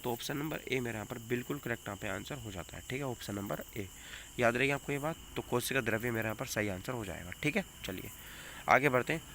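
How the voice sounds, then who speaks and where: Over noticeable background noise, a man with a North Indian accent delivers an exam coaching lesson, restating questions and answers for emphasis and throwing in rhetorical questions. He speaks quickly in a mid-range voice that sounds gravelly, pushed and bright.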